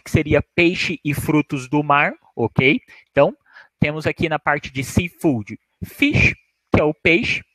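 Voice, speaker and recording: A man's voice: a little high, fairly bright tone, no room sound, rough recording. A man whose first language is Portuguese, teaching a vocabulary lesson and repeating each word with careful emphasis. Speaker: English teacher.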